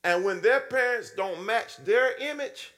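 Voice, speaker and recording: A man's voice: measured pace, fairly bright tone. A man preaching a sermon in a style, calling out to the congregation and acting out little scenes in swooping voices. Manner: call-and-response preaching, frequent "Hmm?" to the congregation; acts out voices with sudden high swoops and low drops.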